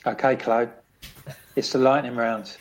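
A co-host with a medium-pitched voice in relaxed conversation. The questions come casually, with an offhand and slightly halting delivery. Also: noisy background. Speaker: podcast co-host. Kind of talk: casual chat, asking quick-fire questions.

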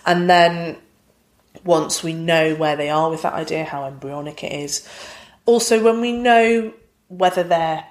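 A woman who runs a theatre company, explaining her work in a brisk, practical way in casual interview talk. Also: on the low side, roomy sound, rough recording.

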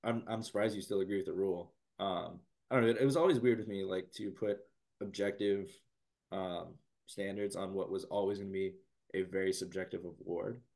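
Low-voiced male co-host, hoarse from losing his voice, halting casual sports chat. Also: fairly even intonation, a little mellow. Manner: halting, many restarts and fillers. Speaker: podcast co-host.

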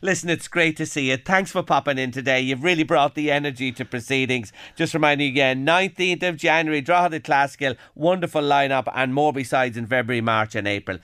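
A man's voice: mid-range voice, a little fast, few pauses, pushed and bright, smooth, no echo, studio quality. A man with an Irish accent hosting a radio interview in a hearty, emphatic manner. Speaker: radio show host. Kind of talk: live radio interview chat. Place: radio studio.

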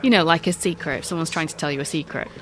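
Talking very fast in a low-pitched voice over background noise, a woman delivers a scripted monologue on her podcast. Still congested after being sick, she recounts stories in a wry, self-deprecating way.

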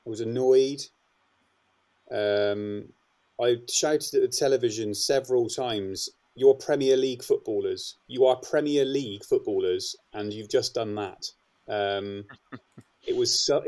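A man's voice: medium pitch, a little mellow. Exasperated man venting about his team. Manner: exasperated, halting, many restarts. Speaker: podcast panelist. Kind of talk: casual football podcast chat.

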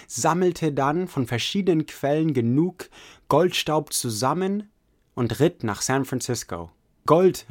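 Man, history narrator, second-person storytelling, earnest, a bit high. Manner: earnest storytelling, addresses listener as you.

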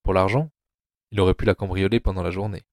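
Deep-voiced male drama narrator. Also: fast, no echo, clean studio sound. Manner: low, steady storytelling.

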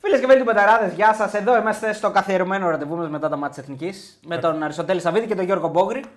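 A man co-hosting a sports podcast, chatty and quick with comebacks. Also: sits high, faint music behind. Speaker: podcast co-host. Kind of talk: casual sports podcast banter.

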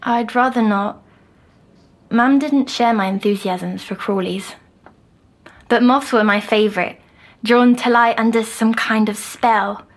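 A woman, softly recounting a dream as a patient in an audio drama. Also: on the high side, steady tone, low-quality recording. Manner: soft, slow, dreamy recounting.

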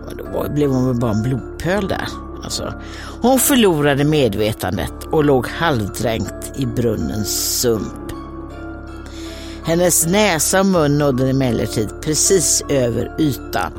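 Lively Swedish comedian reading a fairy tale. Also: female voice, extremely low pitch, over music. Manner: reads aloud, breaks off for joking asides. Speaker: comedian and host.

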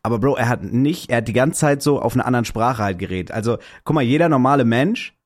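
A young man co-hosting a podcast, telling a story excitedly in slangy casual chat. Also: mid-range voice, quick pace. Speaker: podcast co-host.

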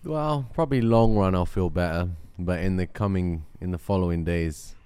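A man's voice: deep voice, normal speed, mellow, clean tone, no room sound. A man chatting casually as a podcast co-host, with a dry, joking, understated manner. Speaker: podcast co-host and jiu-jitsu practitioner. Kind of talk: casual chat.

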